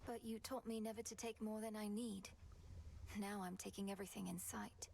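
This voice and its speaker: A woman's voice: mid-range voice, steady tone, normal speed, vocal fry, a little mellow, a little hiss or hum, lightly acted. A woman voicing an earnest, resolute young witch princess in a video game, speaking formally and thoughtfully. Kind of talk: video game character acting.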